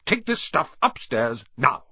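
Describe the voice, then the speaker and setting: Male reader as irascible middle-aged uncle: barking, sneering bluster, swooping pitch, slightly dull recording. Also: wildly swooping pitch, measured pace, dry recording, heavily acted. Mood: furious, barking. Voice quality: croaky when rattled.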